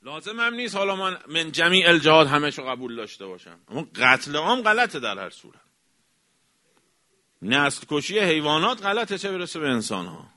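A man's voice: very animated, bright, forceful tone. Emphatic man giving a religious lecture. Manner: emphatic, rising to exclamations then dropping low. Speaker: cleric.

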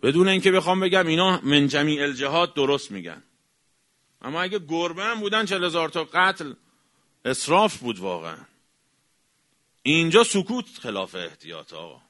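A man delivering a religious lecture, emphatic, swinging from raised exclamations down to quiet, low remarks. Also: big pitch swings. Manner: emphatic, rising to exclamations then dropping low. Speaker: cleric.

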